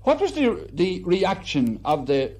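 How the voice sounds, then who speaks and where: A man conducting a formal broadcast interview, courteous and measured, with some hesitation in his questions. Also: sits high, huge pitch swings, darkish tone.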